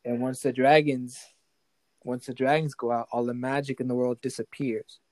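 A man's voice: mid-range voice, little pitch movement, moderate pace, darkish tone, no echo. A man improvising a fantasy story as game master. He talks casually and keeps checking in with the player.

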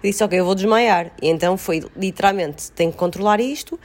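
Woman, European Portuguese accent, quick insistent storytelling, medium pitch. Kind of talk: casual chat.

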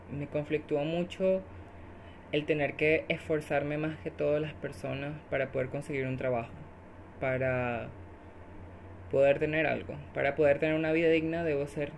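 A woman's voice: low voice, vocal fry, slight background noise. A woman guest on a podcast, speaking emphatically and often agreeing with the host, stacking up repeated phrases. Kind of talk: casual podcast conversation.

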